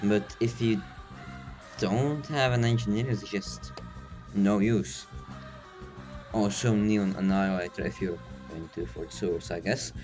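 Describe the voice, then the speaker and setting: A man's voice: lowish voice, unhurried, pauses often, darkish tone. Casual male guide narrator, recorded under a blanket, slightly winded, rambling and self-deprecating, faint music underneath. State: slightly out of breath. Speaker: video game guide maker.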